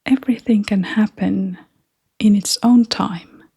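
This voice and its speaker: Gentle and unhurried, a woman guides a meditation in a soft, breathy half-whisper. Her voice is medium in pitch with a steady tone.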